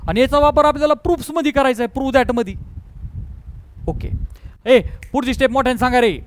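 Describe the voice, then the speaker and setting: A man's voice: extremely high pitch, a little fast, a little hiss or hum, poor audio. A man teaching math to a classroom, firing questions at students and mixing in English terms. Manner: drills students with call-and-response questions. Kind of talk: classroom lecture.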